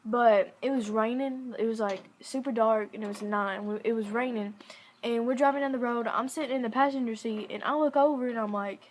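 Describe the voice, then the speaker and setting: A woman's voice: a little high, fairly quick, slight background noise. A young woman telling a story to camera in a casual vlog, chatty and giggly, full of "like" fillers. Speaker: vlogger.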